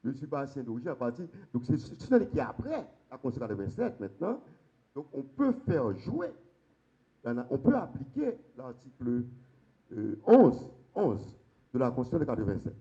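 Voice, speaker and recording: Here a Haitian lawyer speaking on a conference panel about the constitution drives his points home with sharp rises. His medium-pitched voice swoops wildly, moves at normal speed, and comes through on a lo-fi recording.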